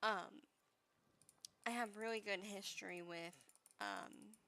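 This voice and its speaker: A woman's voice: mid-range voice, steady tone, slow, pushed and bright. A young woman with a congested, stuffy voice chatting casually over gameplay, rambling with many fillers and the odd swear as she gives advice. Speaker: gaming vlogger giving advice.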